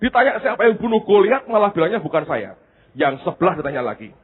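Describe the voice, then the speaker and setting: Animated husky male pastor preaching. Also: high-pitched, fast talker. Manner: animated storytelling, addresses the congregation. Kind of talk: sermon. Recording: tinny phone-like sound.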